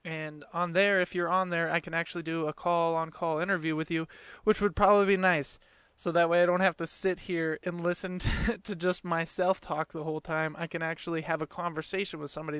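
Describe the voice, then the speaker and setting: A man's voice: a little high, level tone, fairly quick, fairly bright tone, clean tone, no room sound. A man in his late twenties hosting a casual solo podcast from a small closet, talking in an informal, earnest, conversational way. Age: late 20s. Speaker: podcast host.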